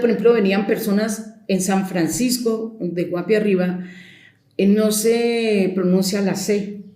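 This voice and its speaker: Her medium-pitched voice is mellow as this Colombian woman tells a story, reflective and emphatic, lengthening important words. The room she's recorded in is echoey.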